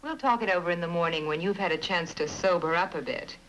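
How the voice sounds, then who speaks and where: An actress playing a psychiatrist in a 1960s film comedy, speaking calmly and firmly to her patient. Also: on the low side, fast, lightly acted, low-quality recording. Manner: calm, firm, instructive.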